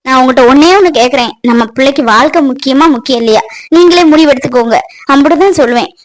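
A woman's voice: sits high, fast talker, pitched below the performer's own voice, natural voice, low-quality recording. A woman voicing a firm, reproachful middle-aged mother in a cartoon family drama. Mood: stern.

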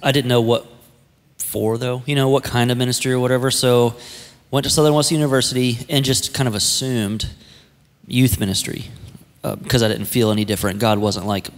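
A man in his thirties, an executive pastor, telling his story in a relaxed, chatty way on a church stage with a handheld mic. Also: mid-range voice, fairly quick. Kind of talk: casual church interview. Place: church stage set with armchairs. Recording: long reverb of a large hall.

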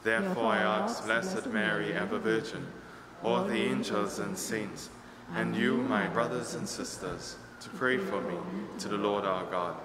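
A man leading Mass as priest, reciting set prayers in a measured, solemn way, his voice ringing with cathedral echo. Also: fairly low pitch, animated, a loud crowd. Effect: cathedral echo, long church reverberation. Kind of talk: liturgical recitation. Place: large church. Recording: echoey church hall with ambient noise.

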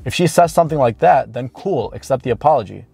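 Gravelly and mellow at a medium pitch, with lively intonation, this man of about thirty coaches on dating straight to camera. He's blunt, informal and emphatic, stretching key words, and he records inside a parked car with music in the background.

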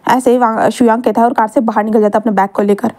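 A woman tells a fan story in a casual, chatty way. Her voice is high yet dark and mellow. She corrects herself and adds asides as she goes. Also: steady tone, very fast. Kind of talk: casual fan-fiction narration.

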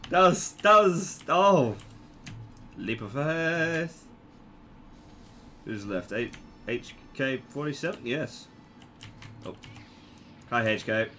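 Animated man commenting on gameplay. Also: mid-range voice, slow pace, pauses often, slight background noise. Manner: animated, joking, stammering restarts. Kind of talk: casual gaming commentary.

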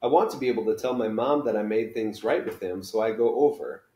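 A man in his thirties, a teacher, reads a children's book aloud casually in a living room, picked up by a camera a few feet away with roomy echo. His voice sits on the low side, warm in tone and quick in pace.

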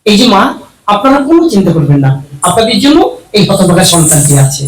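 A man puppeteer doing cheeky, rapid-fire comic patter for a live puppet show audience. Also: high-pitched, big pitch swings, a little hiss or hum. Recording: roomy, distant with music.

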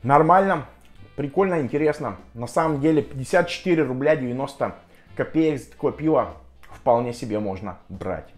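A man giving a casual, chatty and jokey review to viewers, speaking with hesitant pauses as a vlogger. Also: mid-range voice, animated. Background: music.

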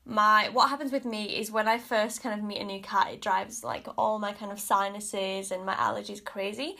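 At a normal speed, a mid-range voice with vocal fry comes across steady, bright and forceful, though stuffy and congested. An Australian beauty vlogger in her thirties, she chats frankly at the lit-mirror vanity in her bedroom while reviewing makeup, leaning on hedges like "kind of" and "like."

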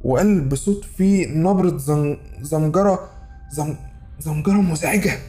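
Egyptian guy telling a scary story quick and frantic, keeps repeating lines, dark voice. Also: on the high side, soft background music. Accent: Egyptian Arabic. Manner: frantic, urgent, repeats himself. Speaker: horror storyteller. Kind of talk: dramatic first-person horror narration.

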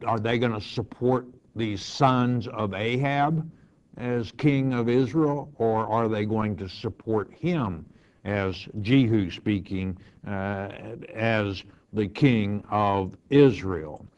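A man's voice: fairly low pitch, takes it slowly, a little mellow, highs cut off. A male pastor teaching verse by verse, reading scripture aloud and then explaining it in plain words.

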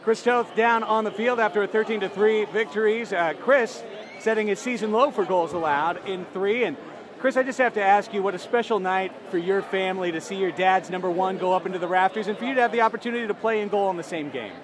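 A man interviewing players and a coach on an arena floor after a game, asking brisk questions full of stats. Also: high voice, crowd noise. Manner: brisk, stat-heavy questions. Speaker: sports reporter. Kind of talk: postgame field interviews. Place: indoor soccer arena floor.

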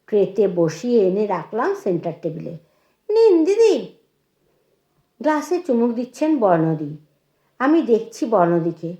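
A woman narrating a short story in an expressive, lively reading voice. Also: medium pitch. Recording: echoey room.

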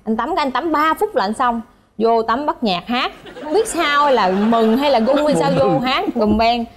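A Southern Vietnamese woman in her twenties with a fairly high voice and a faint hiss behind it. She talks casually as a studio guest and livens her story with the voices of the people in it. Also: moderate pace. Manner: lively, acts out quoted voices.

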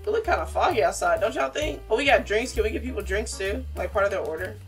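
A woman's voice: medium pitch, lively intonation, quick pace, recorded from a distance, soft background music. A young woman giving casual, slangy gameplay commentary, animatedly talking to herself and to her viewers. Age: young adult. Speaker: gaming streamer.

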